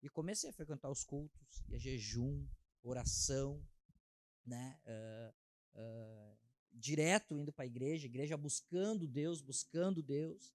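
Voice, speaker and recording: A man's voice: mid-range voice, no room sound. Heartfelt man. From Brazil. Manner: heartfelt, halting, frequent filler tags. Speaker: interview guest sharing testimony. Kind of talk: emotional personal testimony.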